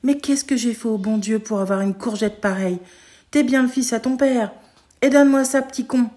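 A woman reading aloud and voicing an angry, coarse mother who shouts insults, in a higher, louder voice. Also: moderate pace, lightly acted. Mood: furieuse. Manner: yelling, insulting.

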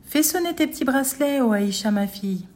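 A woman voicing a frail old grandfather in a read-aloud folk tale, with high, sharp calls. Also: very animated, moderate pace. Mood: tender.

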